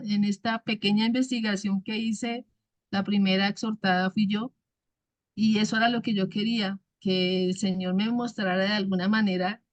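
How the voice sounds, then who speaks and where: A woman giving a casual devotional talk to a women's church group, with many restarts and fillers and a naturally loud way of speaking. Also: mid-range voice, no echo. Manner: loud speaker by her own account. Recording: dull, dry sound.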